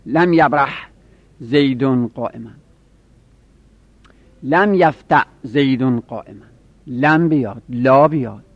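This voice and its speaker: A man's voice: fairly high pitch, dry recording. Man teaching grammar, lo-fi recording. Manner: explanatory, repeats example phrases slowly. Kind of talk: seminary grammar lesson. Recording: dull lo-fi recording.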